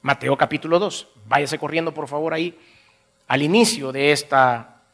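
A man preaching a sermon in an animated way, asking his congregation questions and chuckling between phrases. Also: fairly high pitch, normal speed.

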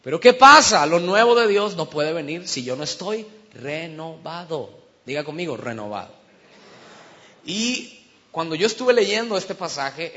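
Male preacher, humorous storytelling, bright voice, long hall reverb, dull recording. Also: a little high. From Colombia. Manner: humorous storytelling, questions the congregation. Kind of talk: sermon.

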